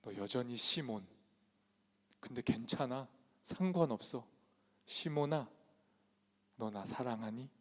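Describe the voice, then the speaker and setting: A man preaching voices a gentle, patient teacher questioning a disciple softly and tenderly, in a long church hall reverb. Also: expressive, slow, long pauses. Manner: soft, quiet and lowered, asking tender questions. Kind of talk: acted quote in a sermon.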